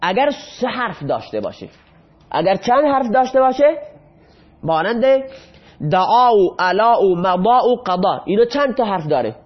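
A man with a high, very animated voice leads a grammar lesson. He fires off questions to the class and answers them himself, reciting verb forms one after another. The recording sounds dull and lo-fi. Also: breathy edge. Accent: Iranian Persian. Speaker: Arabic grammar teacher.

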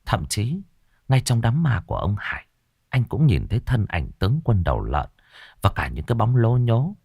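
Expressive male ghost story narrator. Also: fairly low pitch, moderate pace, vocal fry, breathy edge, no room sound, studio quality.

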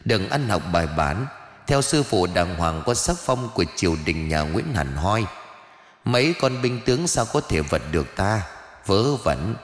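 A man's voice: fairly low pitch, very animated, a little slow, reverberant, long reverb tail, soft background music. A man voicing a pompous, irritable old male ancestor ghost sorcerer who scolds and boasts in an audiobook. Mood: boastful. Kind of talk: audiobook character voice.

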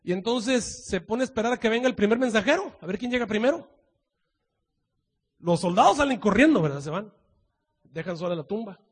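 A male preacher telling a sermon story dramatically, swinging from loud proclamations to hushed asides. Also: sits high, lively intonation, a little fast, long pauses, husky.

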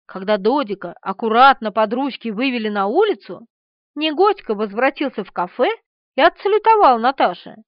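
A woman narrating an audiobook with expressive storytelling. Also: a little high, normal speed, dry recording. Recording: dull lo-fi audiobook recording.

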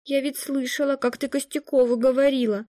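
A woman's voice: high voice, fairly even intonation, fairly quick, dark tone, no echo, studio quality, voice pushed up, natural voice. A woman reading an audiobook, voicing a middle-aged mother who pleads with her daughter in a plaintive, tearful way. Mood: pleading.

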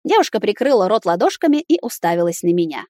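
A woman narrating a first-person novel as an audiobook, in a wry, even storytelling tone. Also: medium pitch, fast, no room sound, studio quality. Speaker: audiobook reader.

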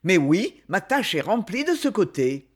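A man reading aloud and voicing a proud young duke who speaks with calm, dry irony, in a lively, varied voice. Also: high voice, measured pace, slightly rough, exaggerated voice. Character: proud ironic young duke, aloof and grave.

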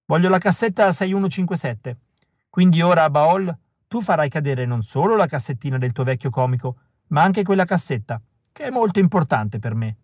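A man's voice: fairly high pitch, expressive, normal speed, darkish tone, no room sound. A treacherous male villain from an audiobook, sly and mocking, voiced by a man raising his voice above his usual tone. His delivery is theatrical and sneering, and the recording is dry and close.

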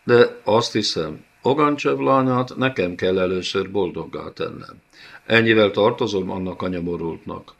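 A man with a low-pitched voice and vocal fry plays a huge, cruel male beast-warlord in an audiobook. The character's taunts are sneering and mock-tender, and the mood is gloating and cruel.

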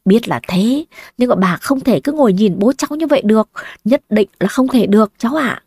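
Casting: a woman doing a worried old grandmother, coaxing and high-pitched, dry close sound. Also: animated, brisk, a little mellow, slightly rough, no echo. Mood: fretful. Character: fretful old grandmother, pleading and scheming.

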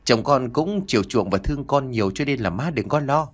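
A man's voice: medium pitch, expressive, fairly quick, natural voice. A man voicing a young wife who answers hesitantly and stammers while hiding her misery. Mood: strained.

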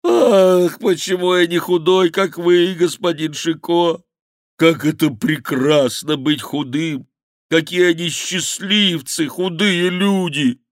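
A man voicing a fat, cowardly male monk who wails and pleads loudly, in a high, drawn-out voice in an audiobook. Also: dry recording, clean studio sound. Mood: wailing. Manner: wailing, pleading, loud lamenting.

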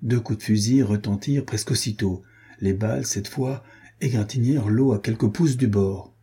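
A man reading a historical adventure novel aloud as an audiobook narrator, in an even, measured way. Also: fairly low pitch, breathy edge. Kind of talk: scripted narration.

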